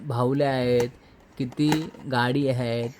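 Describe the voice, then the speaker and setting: Man gently coaxing a toddler. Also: mid-range voice, steady tone, slow pace, a little hiss or hum. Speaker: father and vlog host. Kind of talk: casual home vlog chat with his small daughter.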